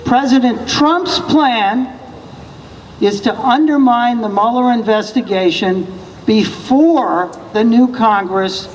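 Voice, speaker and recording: An American speaker giving a deliberate, emphatic political speech at a public rally. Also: medium pitch. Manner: deliberate, emphatic, rhetorical questions. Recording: distant, reverberant PA with faint noise.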